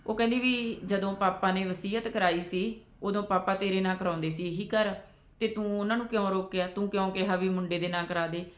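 A woman's voice: medium pitch, fairly even intonation, brisk, reverberant. A woman telling a family story aloud, with frequent "she says" tags in a chatty way. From Punjab. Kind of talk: spoken storytelling with quoted dialogue.

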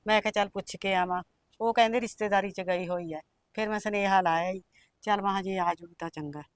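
An older woman playing a worried village mother who pleads gently with her family. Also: medium pitch, fairly even intonation, quick pace, smooth, no echo, lightly acted. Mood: weary. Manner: soft coaxing pleas, repeated "putt". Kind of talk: rural family drama acting.

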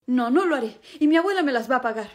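A woman's voice: high voice, expressive, quick pace. Woman as a melodramatic, suave boyfriend. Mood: determined. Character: lovestruck, cocky young man, melodramatic boyfriend. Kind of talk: comedy skit.

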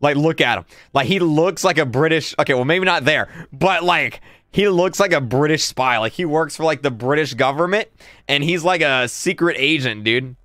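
A man in his twenties hosting a casual livestream, excitable and quick to laugh, repeating words as he reacts. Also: fairly high pitch, dry recording, clean studio sound. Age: 20s. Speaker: livestream host.

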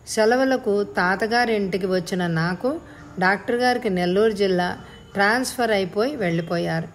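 A woman narrating a first-person story as an audiobook reader, in a measured, reflective way. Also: mid-range voice, a little hiss or hum.

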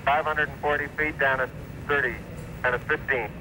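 A man's voice: a little high, steady tone, brisk. A man reading terse, clipped flight callouts as an astronaut, heard through a crackly space radio transmission with beeps. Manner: clipped, businesslike number readouts. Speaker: astronaut piloting the lander. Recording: noisy archival radio downlink.

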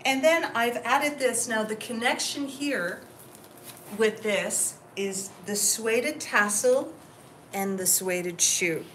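A woman's voice: on the high side, slow, fairly bright tone. Woman host, chatty styling demo, distant mic in an echoey, noisy room. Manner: chatty, keeps asking "okay?". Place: clothing store.

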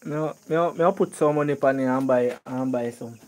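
A woman's voice: very deep voice, normal speed, darkish tone. A Jamaican woman vlogging outdoors, chatting in Patois with a lot of laughter and repeated "yeah, man". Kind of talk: casual chat in Patois.

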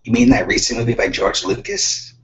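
A man voicing a channeled male spirit who talks slowly and hesitantly. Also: medium pitch, close to an everyday voice. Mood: puzzled. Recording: dull lo-fi recording.

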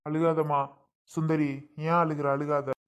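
A woman voicing a gentle grown man who soothes a crying relative in a coaxing way. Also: low-pitched, level tone, measured pace, clear, resonant tone, voice pushed down. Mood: soothing.

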